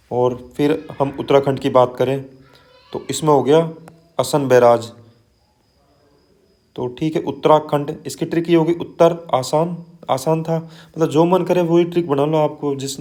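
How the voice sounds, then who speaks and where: A man with a mellow, relaxed voice gives an exam-prep lesson. He talks in a loose, chatty way, checking in with his listeners, and reads long lists of names slowly, one item at a time. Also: medium pitch. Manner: conversational, frequent "है ना" and "ठीक है" tags. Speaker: teacher.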